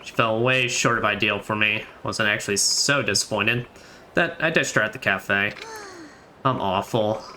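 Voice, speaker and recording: A man voicing a heartbroken young woman who speaks softly and hesitantly in a raised voice. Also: on the low side, normal speed, slight background noise. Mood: glum. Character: heartbroken young woman, shy and self-critical.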